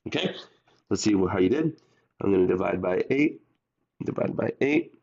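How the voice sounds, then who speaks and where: A man's voice: lowish voice, expressive, moderate pace, gravelly, darkish tone, husky, muffled recording. A man teaching a recorded math lesson while under the weather, explaining step by step and speaking directly to his students.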